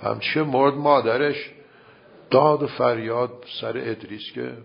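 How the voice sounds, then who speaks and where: A man's voice: mid-range voice, fairly even intonation, gravelly. A man preaching by telling a religious story in a casual, conversational way and speaking the characters' lines in his own plain voice. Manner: colloquial, retells dialogue in plain voice. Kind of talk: storytelling sermon. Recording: dull lo-fi recording.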